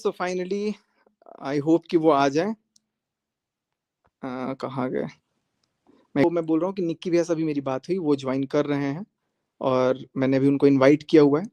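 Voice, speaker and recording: Guy ranting on a live stream, kinda high voice, keeps repeating himself, calling someone out. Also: moderate pace, pauses often, dark tone. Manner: confrontational, repetitive, addressing viewers directly. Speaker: livestreamer.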